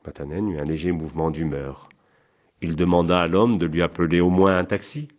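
A man narrating an audiobook in a calm, even, measured way. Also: sits low, lo-fi sound.

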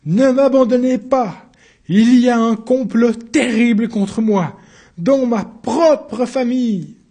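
A narrator puts on a desperate accused man fighting for his life before the judges, crying out in a raised, strained voice. The reading has a mellow, husky grain under the shouting. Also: high-pitched, expressive, unhurried, voice pushed up, full character voice. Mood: pleading. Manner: shouting, frantic, pleading.

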